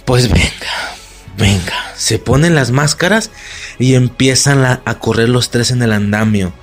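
A man with a Mexican accent recapping a film in an excited, casual way, swearing freely and laughing often. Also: mid-range voice, unhurried, soft background music. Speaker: movie reaction vlogger.

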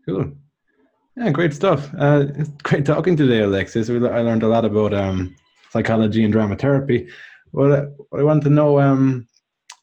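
A man hosting a podcast interview, offering short affirmations before quick questions. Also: medium pitch, mellow. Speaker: podcast host. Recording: dull lo-fi sound.

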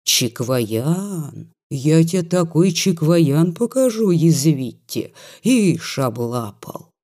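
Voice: mid-range voice, very animated, takes it slowly, warm tone, heavily acted. A reader voicing a cranky old village woman who lisps and scolds. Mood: scolding. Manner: scolding, lisping.

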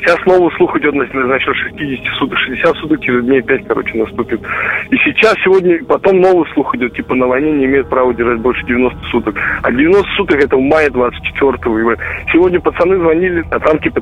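A young man from Russia talks like a soldier phoning home, casual and constantly cursing. His voice comes over a radio-like intercepted line, muffled and very narrow in band. He vents in a loose chat style at a middle pitch. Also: quick pace. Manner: constant heavy swearing. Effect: voice heard over a radio-like phone intercept. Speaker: soldier calling home from the front. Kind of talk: casual phone chat, venting.

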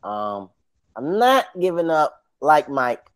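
A man's voice: a little high, big pitch swings, slow pace. An American man in a casual podcast debate, reasoning aloud in colloquial speech.

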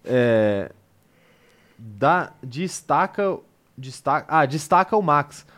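Young Brazilian guy co-hosting a live chat show, slightly high-pitched, lively and jokey, reads viewer comments aloud. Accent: Brazilian Portuguese. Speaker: co-host of a racing live stream. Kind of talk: casual live-stream chat.

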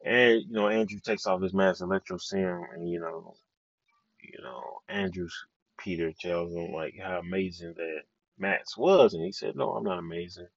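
Excitable low-voiced man in a muffled recording. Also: moderate pace, gravelly, dry recording. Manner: excitable, slangy and swearing a lot. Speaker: movie reviewer. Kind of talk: casual movie reaction chat.

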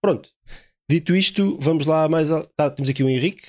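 A man's voice: a little high, fairly quick. A man hosting a live talk show, chatty, with many restarts. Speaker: host.

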